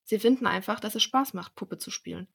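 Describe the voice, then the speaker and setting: A young woman reading a storybook aloud, voicing eager little gnome children who pester a visitor loudly. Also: mid-range voice, fairly quick, gravelly, breathy edge. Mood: pleading. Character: cheerful excited gnome children, small and eager.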